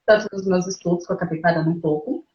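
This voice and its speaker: A woman's voice: lowish voice, rapid-fire. Earnest woman retelling a hard stretch, roomy lo-fi. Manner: earnest, animated retelling with quoted inner thoughts. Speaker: guest mother sharing her story. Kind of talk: emotional personal storytelling. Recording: roomy, dull lo-fi call audio.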